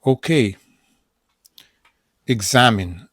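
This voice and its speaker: A man with a Polish accent runs a casual pronunciation lesson at a very slow, drawn-out pace. He sounds out English words several times each and breaks them into their sounds. The room sound is dry and close to the mic. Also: fairly low pitch, fairly bright tone, breathy edge, dry recording. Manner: repeats words slowly, drilling them aloud.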